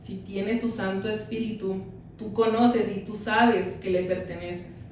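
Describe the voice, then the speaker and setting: A woman's voice: mid-range voice, fairly even intonation, a little slow, darkish tone, very echoey, recorded from a distance, a little hiss or hum, poor audio. A woman pastor preaching a sermon and telling her own story with acted quotes. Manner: testimony told with acted quotes.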